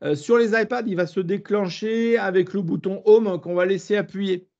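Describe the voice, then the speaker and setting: A man's voice: high voice, moderate pace, darkish tone, highs cut off. A man with a southern French accent leading a live webinar demonstration as trainer, hesitant with many fillers and restarts.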